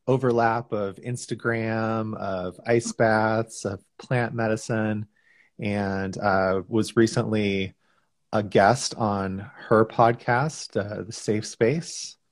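Low-voiced man hosting a podcast, dry sound. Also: no echo. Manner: easygoing, hesitant with frequent fillers. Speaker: podcast host.

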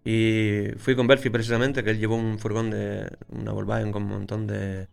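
A photographer, telling stories in a casual interview and acting out scenes with sound words. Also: male voice, on the low side, normal speed, gravelly. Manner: lively storyteller, acts out scenes with sound words. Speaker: photographer guest.

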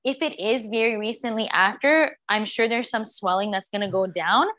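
A woman's voice: medium pitch, normal speed, fairly bright tone. A woman guest on a podcast, chatting casually and trailing off into fillers. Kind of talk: casual chat.

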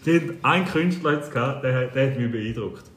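A man's voice: medium pitch, a little fast, roomy sound. A man with a Swiss German accent telling blunt, casual stories in a chat among friends. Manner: storytelling, blunt and swearing.

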